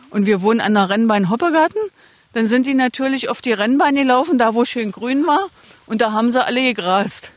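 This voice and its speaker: A woman's voice: on the high side, dry recording. Woman telling an anecdote, dry sound. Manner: plain, unhurried storytelling. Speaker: alpaca owner. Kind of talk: casual interview storytelling.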